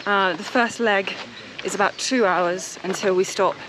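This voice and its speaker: A woman's voice: medium pitch, measured pace, noisy background. A young woman vlogging to a handheld camera on a mountain trail, tired and short of breath, chatty and encouraging herself along. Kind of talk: casual vlog talk to camera while hiking.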